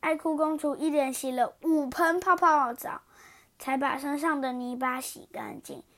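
A woman reading a children's picture book aloud in an expressive, animated way. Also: high-pitched, measured pace. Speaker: storyteller.

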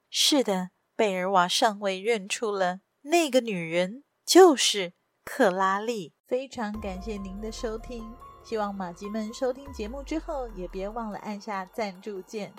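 A woman reading a story aloud as a podcast storyteller, steady and measured, close to the mic. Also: mid-range voice, no room sound. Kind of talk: scripted story narration.

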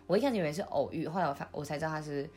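A young woman, recalling her past in a soft, halting way, with many restarts, as she hosts a podcast. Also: deep voice, faint music behind. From Taiwan. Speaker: podcast host. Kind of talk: intimate conversational storytelling.

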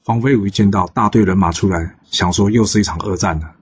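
A male storyteller recounts a legend in a casual, chatty way, pausing on little fillers. His voice is low and husky. The recording sounds dull and lo-fi. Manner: chatty, with frequent filler pauses.

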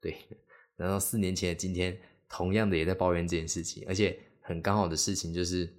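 A man's voice: low-pitched, little pitch movement, brisk. A young man hosts a solo podcast, telling stories in a rambling way, full of fillers and acted-out quotes. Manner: rambling, heavy on fillers, acts out quoted speech. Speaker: podcast host. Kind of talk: casual solo podcast storytelling.

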